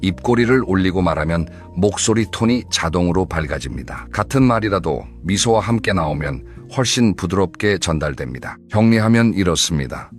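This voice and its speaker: A deep-voiced man narrates a scripted advice talk. He speaks in a steady, measured and instructive way. Faint music plays softly behind him.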